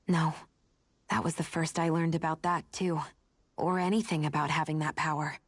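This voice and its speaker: A woman voicing a brisk, curt young heroine in a video game, blunt and matter-of-fact. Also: low voice, little pitch movement, husky, no room sound.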